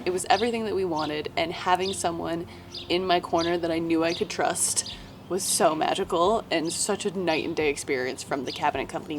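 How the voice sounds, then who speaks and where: A young woman, chatting bubbly and fast about her kitchen renovation in a casual home vlog. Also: lowish voice, noisy background. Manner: bubbly, chatty, laughs often. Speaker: vlogger.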